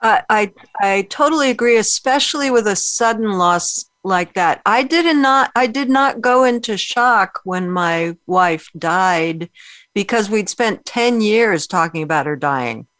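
A woman hosting an interview, speaking reflectively with halting restarts. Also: medium pitch, animated, fairly bright tone, dry recording. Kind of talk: casual interview chat.

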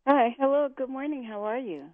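A woman's voice: high voice, moderate pace, dry recording. A woman calling in to a radio show over the phone, asking her question politely and a little hesitantly. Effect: heard over the phone. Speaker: caller. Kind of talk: call-in question to a radio host. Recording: tinny dry phone line.

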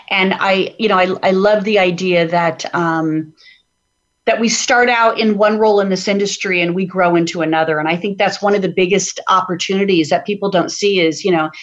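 A woman's voice: lowish voice, moderate pace. A woman hosting a podcast, chatting casually and restarting her sentences often. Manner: chatty, many restarts and fillers. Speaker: podcast host. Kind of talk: casual interview chat. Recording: dull lo-fi audio.

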